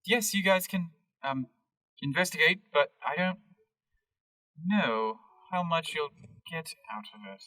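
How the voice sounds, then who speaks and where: A man's voice: fairly high pitch, a little slow, pauses often, sharp tone, no room sound, far from the mic, voice pushed up, rough recording. A man voicing a weary, apologetic greenhouse keeper who hesitates and trails off. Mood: evasive.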